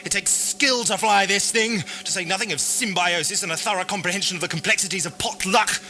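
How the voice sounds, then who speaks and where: An actor with a British accent playing an irascible, erratic, ancient alien time traveller in an audio drama, theatrical and grumbling. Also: male voice, sits high, fairly quick, sharp tone, exaggerated voice. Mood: ranting. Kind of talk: amateur audio drama acting. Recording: 1980s amateur audio drama, music and noise underneath.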